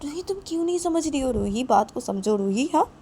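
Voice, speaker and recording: An anxious young woman lover, put on by a woman telling the story begs again and again. Her pleas climb high, with faint hiss behind them. It is plain amateur storytelling, not polished acting. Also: animated, a little fast, warm tone. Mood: pleading. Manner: repeats pleas over and over. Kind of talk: amateur story narration with voices.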